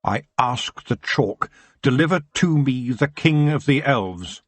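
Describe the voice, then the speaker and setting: A man reading an audiobook, voicing a determined young female witch who speaks quietly and earnestly. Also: mid-range voice, animated, takes it slowly, dry recording. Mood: solemn whisper.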